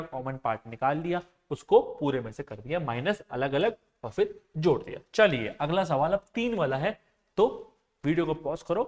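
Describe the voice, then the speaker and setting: A man teaching a maths and reasoning lesson for exam preparation, explaining step by step and checking often whether his students have understood. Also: fairly high pitch. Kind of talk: exam-prep classroom lecture.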